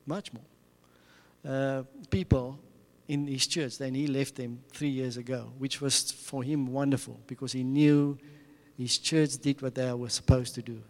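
A South African mission speaker with an Afrikaans accent earnestly walks a church audience through a slide presentation, his medium-pitched voice fairly flat and unhurried. He frequently restarts and repeats words, chuckling between thoughts, while a large hall gives him a long reverb.

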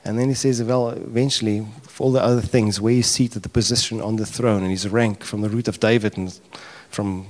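Recorded in a big hall with long reverb, a pastor delivers a fervent sermon in a lowish, darkish voice. His intonation is fairly even and his pace brisk with few pauses, but he rises to emphatic cries when voicing prayers as he recounts the scene.

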